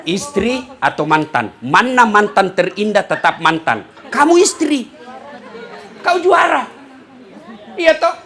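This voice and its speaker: A man preaching a humorous sermon, acting out dialogues and swinging between shouting and soft asides. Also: high voice, big pitch swings, slow pace, long pauses. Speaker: Islamic preacher. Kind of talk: lively sermon to a crowd. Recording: crowd and faint noise behind.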